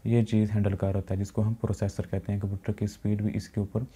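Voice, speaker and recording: Pakistani urdu accent guy giving a computer lecture, really dark mellow voice, pretty flat delivery. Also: lowish voice, breathy edge. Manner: explains in plain speech, reads English definitions slowly. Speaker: computer science teacher. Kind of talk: recorded lecture over slides.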